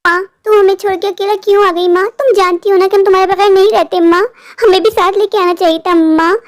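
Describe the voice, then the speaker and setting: A woman voicing a ghostly daughter who calls plaintively for her mother in an animated horror story. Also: very high-pitched, fast talker, no room sound, clean studio sound. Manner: pleading, plaintive calling. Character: ghost daughter, lost and clinging, young.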